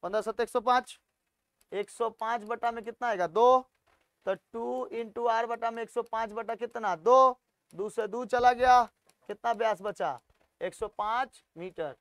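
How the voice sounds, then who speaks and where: High-voiced maths tutor. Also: male voice, a little slow, a bit bright, no room sound. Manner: coaxing, asks students questions, then answers them. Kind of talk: solving textbook problems aloud.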